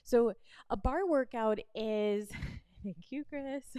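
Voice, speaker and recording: A woman instructor explaining barre moves and cueing a demonstrator, encouraging and quick to laugh. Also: fairly high pitch, dark tone, clean tone, no room sound.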